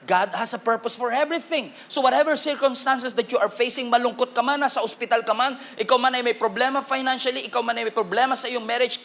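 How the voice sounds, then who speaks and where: A Filipino man preaching to a congregation with a strikingly high voice. He delivers the sermon with humor and animation and keeps calling for responses. Faint ambient noise hangs behind him in the church. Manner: animated, humorous preaching with Taglish code-switching. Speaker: pastor.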